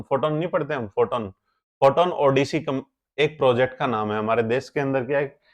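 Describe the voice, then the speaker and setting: A man teaches a current affairs lesson to exam candidates. He works through each point step by step, keeps asking the class questions and then answers them himself. His pitch sits in a middle range. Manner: explains step by step, keeps asking rhetorical questions and checking with "theek hai?".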